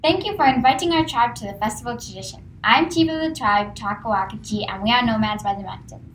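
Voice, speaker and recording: Woman playing earnest nomad chief, rather high voice, amateur historical skit, echoey room, light noise. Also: expressive, fast, natural voice. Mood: courteous. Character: earnest, courteous chief of a mountain nomad tribe. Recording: roomy, noisy amateur recording.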